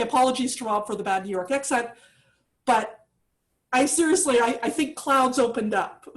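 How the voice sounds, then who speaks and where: A woman minister delivers her sermon in a high, bright-sounding voice. She talks in a chatty, enthusiastic way, like she is telling a story to friends. She is preaching from a church.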